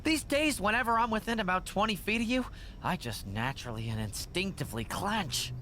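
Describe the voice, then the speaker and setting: In a video game cutscene, an actor plays an anxious, fawning male wrestling manager rambling on nervously. He sounds very animated and high-voiced, speaking fairly quickly against background noise.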